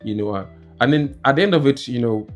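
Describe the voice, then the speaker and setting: A young man raised in Nigeria talks casually with his wife about married life, pausing often with "you know". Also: mid-range voice, lively intonation. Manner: hesitant, many "you know" fillers. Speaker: co-host, husband. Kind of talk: casual couple chat. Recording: soft guitar music behind.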